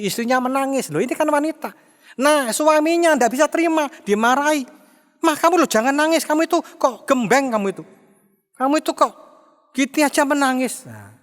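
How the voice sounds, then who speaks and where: A man's voice: sits high, fairly bright tone. A middle-aged male pastor preaching an emphatic sermon, asking rhetorical questions and briefly mimicking arguing spouses. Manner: mimics quarrelling spouses in a raised voice. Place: church. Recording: long reverb of a church hall.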